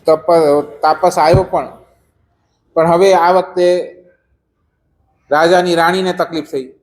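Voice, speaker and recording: A preacher giving a religious discourse, telling a story and quizzing the listeners with rhetorical questions. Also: male voice, fairly high pitch, fairly even intonation, slow.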